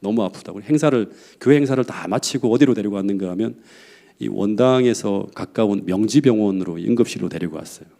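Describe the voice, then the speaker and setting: A man's voice: fairly low pitch, fairly quick, gravelly, warm tone. A male pastor preaching a sermon, telling a personal story in a heartfelt, earnest way.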